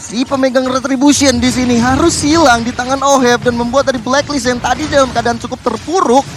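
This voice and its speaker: A man shoutcasting live game play-by-play as an excited fighting game announcer. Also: very high voice, a little fast. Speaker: esports shoutcaster. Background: noise.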